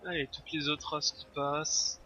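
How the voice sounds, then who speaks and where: Bright-voiced man narrating his gameplay. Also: fairly high pitch, level tone, unhurried. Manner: chatty, thinking aloud with frequent hesitations. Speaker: let's play host. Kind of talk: casual gameplay commentary. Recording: slightly dull lo-fi sound, faint noise.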